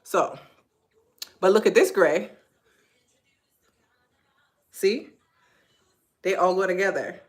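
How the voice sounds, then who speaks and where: A woman's voice: fairly low pitch, takes it slowly, pauses often. A woman with a Gullah Geechee accent, hosting a casual live-stream fashion chat at home and teasing her husband between points. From Beaufort, South Carolina, USA. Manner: animated, chatty, teasing asides to her husband. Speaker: clothing brand owner hosting a live stream. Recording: echoey room.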